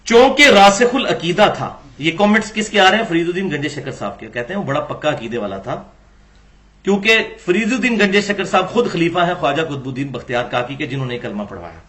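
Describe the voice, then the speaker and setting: A man delivers a religious lecture in a high voice. His tone is bright and cutting, and he presses his argument with pointed rhetorical questions. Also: very animated. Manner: argumentative, rhetorical questions, acts out quoted dialogue.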